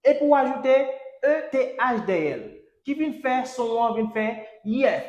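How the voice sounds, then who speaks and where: A Haitian man teaches an English lesson at a slow, deliberate pace. He spells letters aloud and repeats each word three times for his students. His voice carries a noticeable echo from the room. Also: extremely high pitch, lively intonation, darkish tone, highs cut off. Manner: spells out letters and urges "let's go". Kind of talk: language lesson. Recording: echoey room.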